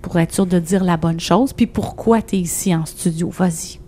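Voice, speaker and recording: A woman's voice: on the low side, normal speed, dark tone. A woman with a Quebec French accent hosting a studio interview, speaking in an encouraging and enthusiastic way. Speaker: host. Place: radio studio. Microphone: studio microphone.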